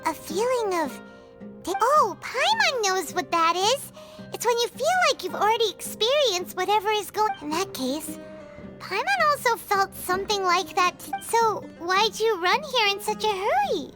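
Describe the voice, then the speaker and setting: Game fairy sidekick: very high, childlike, animated, excitable; loud music underneath. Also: female voice, normal speed. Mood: puzzled. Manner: talks about self in third person, exclaims. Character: small, chirpy, excitable female fairy companion, childlike. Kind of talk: video game character acting.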